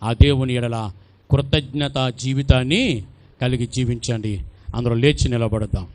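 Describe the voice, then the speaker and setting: A man preaching an Easter sermon as pastor. He speaks emphatically, repeats his phrases, asks the congregation questions and builds to loud exclamations. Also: medium pitch, steady tone, unhurried. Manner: addresses the congregation directly with questions.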